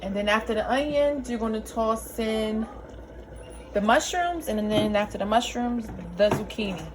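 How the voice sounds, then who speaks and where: A woman's voice: fairly high pitch, moderate pace, noisy background. A young adult woman chatting casually to viewers while cooking in her home kitchen, folksy and talkative. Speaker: cooking vlogger.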